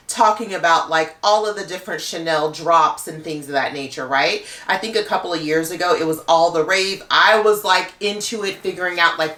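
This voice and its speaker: A woman's voice: lowish voice, a bit bright, roomy sound. A woman talking casually to camera as a luxury handbag YouTuber, chatty and full of "like" fillers.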